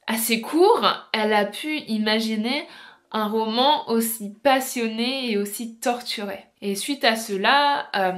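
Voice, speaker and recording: A woman's voice: a little high, fairly bright tone. A young woman reviewing a classic novel for her book channel, explaining the plot point by point with some hesitant fillers. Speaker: booktuber.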